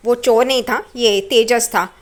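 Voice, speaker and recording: A woman casually retelling a TV serial episode in an animated, vivid way. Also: fairly high pitch, measured pace. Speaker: TV serial recap narrator. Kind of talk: casual storytelling recap.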